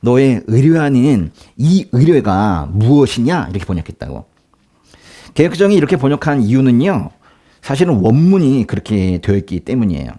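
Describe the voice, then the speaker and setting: A man preaching a sermon as pastor, explaining scripture in a lively, conversational way, acting out quoted lines and laughing now and then. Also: mid-range voice, moderate pace. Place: church.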